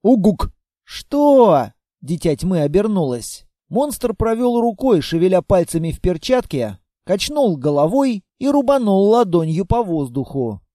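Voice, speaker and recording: Lively high-voiced male narrator. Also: normal speed, few pauses, no echo, studio quality. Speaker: audiobook narrator. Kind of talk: scripted narration of a fantasy tale.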